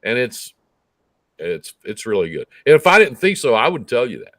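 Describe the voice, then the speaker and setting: A man's voice: medium pitch, very animated, moderate pace, fairly bright tone, dry recording. A man co-hosting casual trucker talk in a blunt, sarcastic way, swearing freely.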